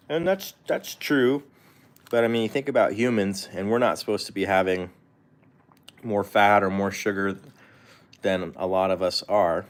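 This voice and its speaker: A man casually chatting on a livestream while feeding his guinea pigs, rambling and correcting himself with small chuckles. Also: low voice. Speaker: pet vlogger.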